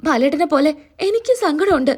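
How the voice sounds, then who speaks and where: A woman's voice: high-pitched, animated, a little fast, darkish tone. A woman retelling a story, voicing an anxious wife crying over her missing husband. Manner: tearful, anxious.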